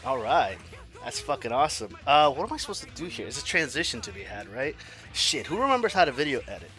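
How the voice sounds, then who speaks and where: A gaming YouTuber in his forties gives live commentary on his own online fighting game matches, lurching from low mutters to loud yells as he laughs and swears at himself and his opponent. He's very animated and talks fast, with profane, self-mocking trash talk over soft background music.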